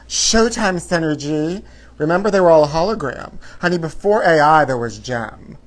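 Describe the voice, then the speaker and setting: A man's voice: on the high side, expressive, moderate pace. A man hosting a live gossip show in casual chat, with a sassy, campy, theatrical drag-queen style of talking. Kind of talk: casual livestream chat to viewers.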